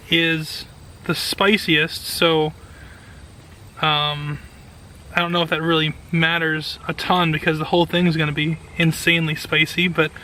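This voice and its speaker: A man who vlogs about home gardening narrates what his hands are doing in a casual, enthusiastic style. His voice is bright, slightly raised and a little high, with light noise in the background.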